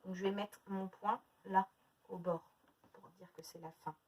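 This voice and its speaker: A woman teacher giving a phonics lesson to young children, stretching out each syllable and repeating words slowly. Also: medium pitch, steady tone, husky, recorded from a distance.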